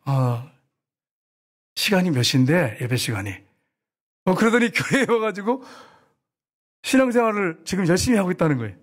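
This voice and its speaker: A man's voice: sits high, very animated, normal speed, pauses often. A male pastor preaching a sermon, telling stories and asking the congregation questions.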